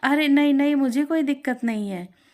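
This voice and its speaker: A woman's voice: high-pitched, moderate pace, darkish tone, voice pushed up, natural voice. A woman voicing an amused young male sandal seller who speaks politely but with surprise. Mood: surprised.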